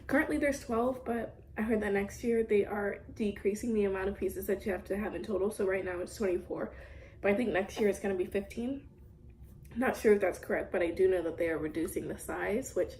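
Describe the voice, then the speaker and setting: A young woman in her late teens with a sore throat, chatting casually and softly at home while she eats. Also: mid-range voice, fairly quick, a little hiss or hum, rough recording. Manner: talking softly while eating. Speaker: art student vlogger. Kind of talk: casual chat.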